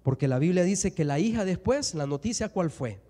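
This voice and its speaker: Animated pastor preaching to a congregation. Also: male voice, high voice, normal speed. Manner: preaching with rising and falling emphasis, acting out voices in stories. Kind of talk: sermon. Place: church sanctuary.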